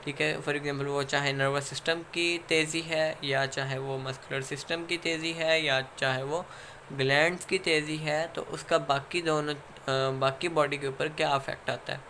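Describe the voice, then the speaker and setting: A man's voice: fairly high pitch, level tone, pushed and bright, a little hiss or hum. A man with a Pakistani accent giving a recorded lecture, explaining step by step and checking in with "okay" again and again. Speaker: instructor.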